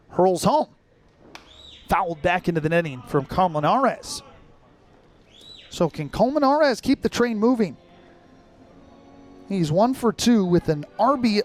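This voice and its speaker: In a high-pitched but darkish voice, a young American radio announcer delivers live play-by-play of a baseball game. He describes the action in clipped phrases.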